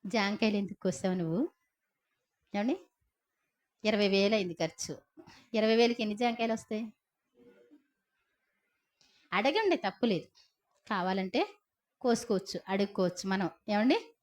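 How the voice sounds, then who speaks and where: A woman's voice: medium pitch, lively intonation, moderate pace, long pauses. A middle-aged woman preaching a sermon in a chatty, storytelling way, often asking her listeners questions. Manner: conversational preaching with rhetorical questions and tag questions.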